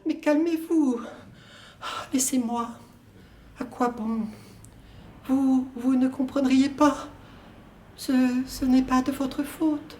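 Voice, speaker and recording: A man's voice: very high voice, steady tone, slow, long pauses, darkish tone, a little hiss or hum, voice pushed up. A young man playing a young woman lover who turns aside questions with short, hesitant denials. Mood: tearful. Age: young adult. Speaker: student actor. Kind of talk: solo stage reading of a play. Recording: roomy echo.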